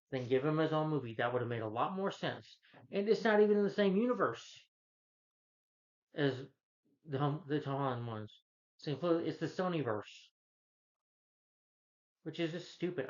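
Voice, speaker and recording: A man with a fairly high voice rants angrily as a film reviewer. He is blunt and scornful, hammering his points with repetition. The recording is dull and lo-fi. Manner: angry ranting, scornful and emphatic. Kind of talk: opinionated review rant. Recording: dull lo-fi audio.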